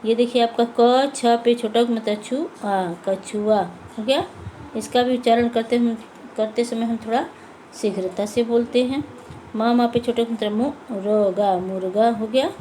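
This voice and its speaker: A woman's voice: on the high side, steady tone, unhurried, mellow, a little hiss or hum, low-quality recording. A woman teaching a Hindi lesson to young children, patiently repeating words and asking and answering her own questions. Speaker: primary school Hindi teacher.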